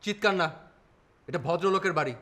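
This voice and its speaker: A man's voice: high-pitched, quick pace, bright, forceful tone. An actor playing a tired husband, curt and dismissive toward his wife, later remorseful. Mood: irritated. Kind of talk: TV drama acting.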